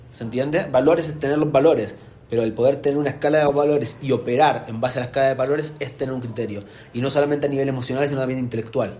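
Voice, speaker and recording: Un hombre de acento enseña como rabino ante padres, con voz de altura media y un tono explicativo y vivo, sobre un leve murmullo de sala. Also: male voice, medium pitch, slight background noise. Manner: animated, explanatory, asks "¿se entiende?" often. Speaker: rabbi teaching parents. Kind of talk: live lecture to an audience. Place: community hall with an audience.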